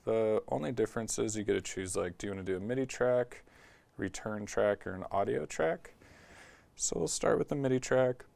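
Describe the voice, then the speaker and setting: In his studio, a man with a lowish, gravelly voice casually walks through a music production tutorial over a talkback mic at normal speed, with no echo. His relaxed explaining leans heavily on "like" and "um."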